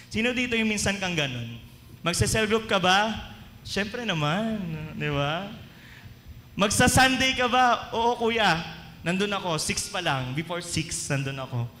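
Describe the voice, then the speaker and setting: Filipino preacher in an echoey church hall. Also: male voice, high voice, sharp tone, a little hiss or hum. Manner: mixes Tagalog and English, asks the congregation questions. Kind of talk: sermon. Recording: echoey hall with long reverb.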